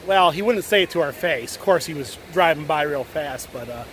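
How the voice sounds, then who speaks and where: Yankee guy doing a travel vlog, kinda high voice, lots of "right?", noisy street behind. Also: lively intonation, brisk, a bit bright. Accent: Northern US. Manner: chatty, keeps asking "right?". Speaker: vlogger. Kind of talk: casual travel vlog chat. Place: out and about on a rainy tourist street.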